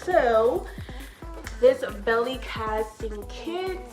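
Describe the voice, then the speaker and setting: A young woman talks to her camera in a relaxed, rambling vlog style, her voice sitting a little high. She sounds slightly out of breath and keeps trailing off with casual filler. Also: extremely slow, roomy sound, over music. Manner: chatty, loose, trailing off with "or whatever". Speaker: vlogger.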